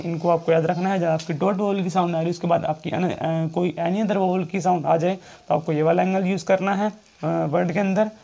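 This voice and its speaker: A man teaching shorthand in a classroom-style lecture, repeating each point and checking in often, and reading English rule text out slowly. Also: high voice, creaky, a little mellow.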